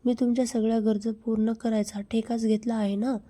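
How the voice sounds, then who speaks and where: A brazen, pushy man, as a woman reads him in a story, insistent and coaxing. The voice is dark and mellow, with a flat, level melody. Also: on the high side, brisk, close to an everyday voice.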